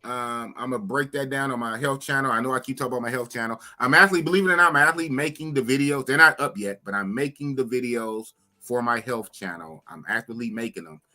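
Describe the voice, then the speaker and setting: At a quick pace with few pauses and a medium pitch, a man in his fifties chats loosely with viewers while hosting a live podcast. He talks to the chat animatedly and keeps repeating phrases.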